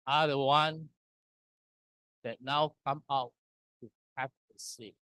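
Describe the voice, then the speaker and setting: Slow, measured man from Singapore. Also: mid-range voice, fairly even intonation, pushed and bright, no echo. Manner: slow and deliberate, pausing between short phrases. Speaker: conference speaker. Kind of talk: conference presentation walking through slides. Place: conference hall.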